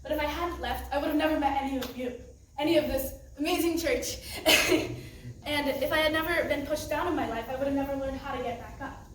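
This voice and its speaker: Teen girl, high and earnest, emotional youth-group testimony in an echoey room, mic far off. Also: a little fast, a bit bright, a little hiss or hum. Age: teens. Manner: earnest, emotional, laughs nervously. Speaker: youth group student speaker. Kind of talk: personal testimony talk.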